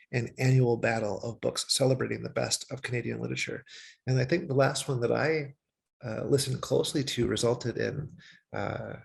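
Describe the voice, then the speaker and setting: Event host, male, very gravelly, hesitant read with lots of fillers. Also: medium pitch. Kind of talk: read introduction.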